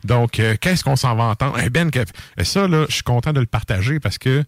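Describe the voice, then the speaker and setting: A man with a Québécois French accent, co-hosting a radio show in relaxed, slangy, casual chat. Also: medium pitch, fairly quick, no room sound, clean studio sound. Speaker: radio co-host.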